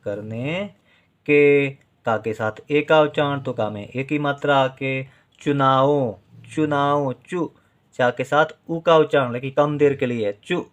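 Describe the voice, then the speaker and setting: Male teacher, writing lesson, slow deliberate syllable-by-syllable spelling, mid-pitched voice. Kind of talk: spoken handwriting lesson.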